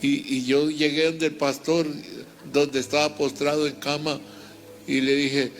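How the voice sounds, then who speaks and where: A man's voice: fairly high pitch, little pitch movement, unhurried, soft background music. An older man, a reverend, giving a fervent personal testimony and retelling his story in repetitive, heartfelt bursts.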